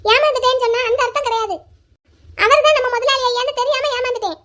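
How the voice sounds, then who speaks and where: A woman voicing a shy, tearful young heroine in a cartoon love story, giving soft and hesitant answers. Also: very high-pitched, fairly even intonation, fast. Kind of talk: cartoon voice acting.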